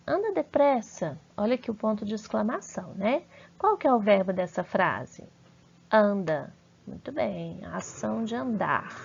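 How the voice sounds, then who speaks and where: A woman with a Brazilian Portuguese accent teaching a grammar lesson over slides. She asks her students questions and praises their answers warmly. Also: medium pitch, creaky, slightly rough, dull audio.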